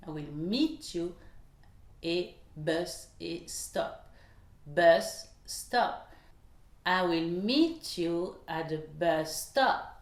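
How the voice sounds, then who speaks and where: A woman teaching English pronunciation, who explains clearly and repeats each example word several times. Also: mid-range voice, reverberant. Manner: slow, repeats English words several times to model stress. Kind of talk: French-language English pronunciation lesson.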